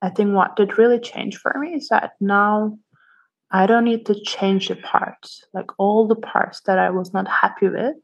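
A woman's voice: medium pitch, fairly even intonation, measured pace, creaky, poor audio. A woman speaking as a podcast guest, telling her own experience in a candid, reflective chat with easy laughs. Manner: warm, candid, laughs easily.

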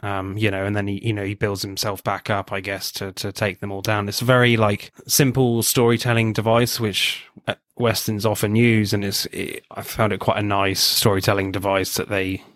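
A man co-hosting a casual film review chat, relaxed and laughing often, with plenty of fillers. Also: fairly low pitch, normal speed, hardly any pauses, no room sound, studio quality. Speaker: film review podcast co-host.

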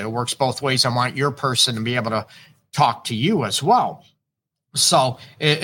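A man's voice: medium pitch, sharp tone. A middle-aged man from the United States, a relationship therapist, hosting a casual live advice show and greeting viewers by name between many fillers. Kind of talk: live-stream advice talk.

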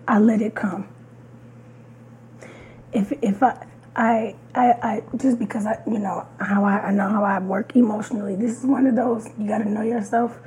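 A woman co-hosting a podcast in casual chat, her voice hoarse and husky from a sore throat, candid and playful with frequent laughs. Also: medium pitch, dark tone. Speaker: podcast co-host.

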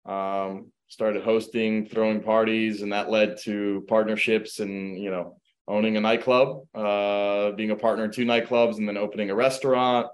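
With a lowish, moderately paced voice, a middle-aged man describes his background in a casual video call interview. He's a real estate agent from Croatia who grew up in the United States, and his relaxed storytelling leans on frequent fillers like um and you know.

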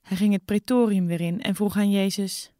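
A woman narrating a dramatized scripture reading in a measured, clear way. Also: medium pitch, steady tone, mellow, no room sound, studio quality. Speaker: scripture reader.

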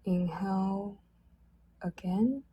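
A woman leading a guided loving-kindness meditation in a soft, gentle, drawn-out way. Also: mid-range voice, breathy edge, muffled recording.

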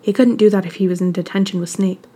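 A woman narrates a fan fiction story aloud in an even, steady storytelling way. Her voice is mellow and a little breathy, with a flat, level delivery. It sounds like a quiet, unhurried audiobook reading. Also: medium pitch.

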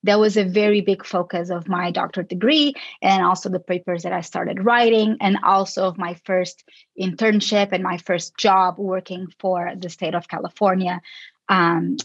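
A woman's voice: lowish voice, steady tone, moderate pace, slightly rough, no room sound. Woman guest, thoughtful, restarts a lot, dull lo-fi sound. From Portugal. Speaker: guest, psychologist. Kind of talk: casual interview talk.

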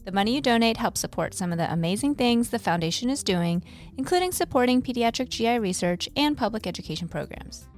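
A woman's voice: on the high side, lively intonation, fast talker, soft background music. A woman hosting a podcast, upbeat and giggly as she wraps up the episode. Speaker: podcast host. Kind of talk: podcast outro.

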